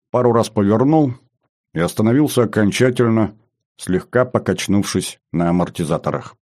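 A man reading a first-person adventure audiobook in an even, descriptive manner. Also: fairly low pitch. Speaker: audiobook narrator.

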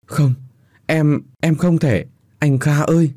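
A man's voice: mid-range voice, sing-song, moderate pace, dark tone, dry recording, clean studio sound. A man voicing a desperate, heartbroken young wife who pleads through tears. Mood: pleading, tearful. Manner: tearful pleading, raised voice.

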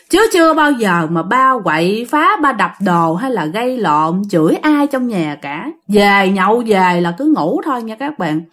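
A woman's voice: a little high, a bit bright. A woman with a Southern Vietnamese accent telling a ghost story in a casual, chatty way, speaking straight to her listeners and acting out the dialogue. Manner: chatty, addresses listeners directly, acts out dialogue.

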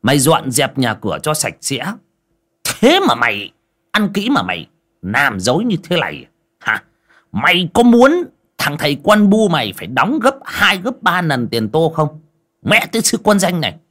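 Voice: mid-range voice, very animated, moderate pace, fairly bright tone, voice pushed up. A narrator voicing a bad-tempered master of the house who curses and bellows at his servant. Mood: furious. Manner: bellowing, cursing, scolding.

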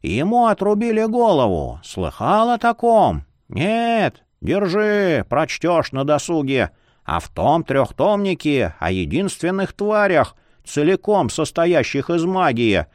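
A man doing a creaky cackling old librarian. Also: a little high, wildly swooping pitch, takes it slowly, no room sound, studio quality, heavily acted. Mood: jovial. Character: creaky old male bookkeeper, jovial and wheedling.

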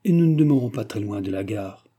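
A man's voice: fairly low pitch, lively intonation, fairly quick, warm tone. A man voicing a shy, humble provincial man who speaks timidly in a storybook reading.

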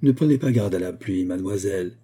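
A man's voice: brisk, dark tone, slightly rough. A man voicing a fussy, doting old female nurse who rambles on in a fairy-tale audiobook. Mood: fussing doting. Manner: fussy rambling, raised pitch.

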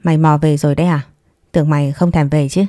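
A woman voicing a harsh, spiteful elderly mother-in-law who scolds quickly and loudly in a hoarse voice. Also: low-pitched, little pitch movement, no room sound, clean studio sound, lightly acted. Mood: furious. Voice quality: hoarse, thick voice. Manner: scolding, fast and loud.

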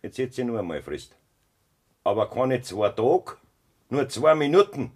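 In a 1970s radio play, a male actor with a Bavarian accent portrays a cruel, scheming farmer husband, his voice gravelly and husky. He speaks at medium pitch, very animated but unhurried, and sounds menacing.

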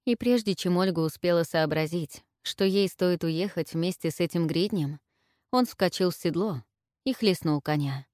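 A woman reading a historical novel aloud as the narrator, in measured, even storytelling. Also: fairly low pitch, no room sound, clean studio sound. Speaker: audiobook narrator. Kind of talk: scripted narration.

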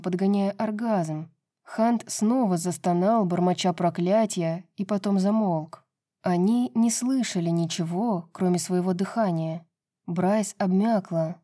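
Low, mellow woman narrating an audiobook. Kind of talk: scripted narration of a romance novel.

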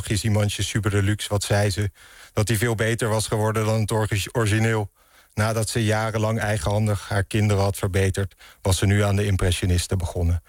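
A man's voice: fairly low pitch, dry recording, clean studio sound. A man performing a theatrical parody of a radio host's monologue, full of sugary nicknames and mock tenderness. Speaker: podcast maker guest.

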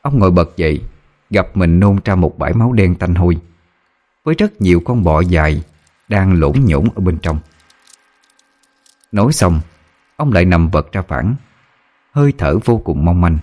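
A man narrating a scripted horror story with dramatic, expressive storytelling. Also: low voice, normal speed, long pauses. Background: faint music.

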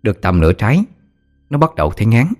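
Male audiobook narrator, Southern Vietnamese accent, lower voice, lively storytelling over faint music. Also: fast talker. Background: soft background music.

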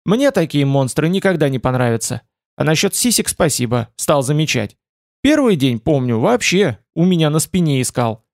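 A man voicing a sharp-tongued young female soldier who answers curtly and with sarcasm. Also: low voice, very animated, moderate pace, no echo, clean studio sound. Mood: sarcastic. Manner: sarcastic, curt.

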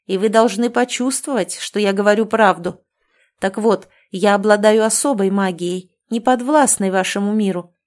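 A woman's voice: medium pitch, moderate pace, natural voice. Woman playing a fierce, defiant heroine. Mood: threatening. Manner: pleading then threatening, raised.

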